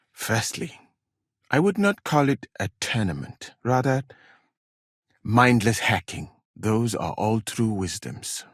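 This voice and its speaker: A husky, learned Malian physician, Musa. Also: male voice, lowish voice, no echo, clean studio sound, full character voice. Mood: earnest. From Mali. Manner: formal, measured, precise wording without contractions. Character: learned, courteous medieval Malian scholar and physician, dryly witty. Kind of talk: video game character dialogue.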